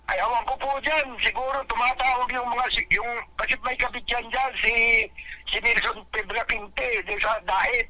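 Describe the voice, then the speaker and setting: An older man calling into a radio program, telling his side in a rambling, halting, pleading way over a phone line. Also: very high voice, fairly even intonation, pushed and bright. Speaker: caller.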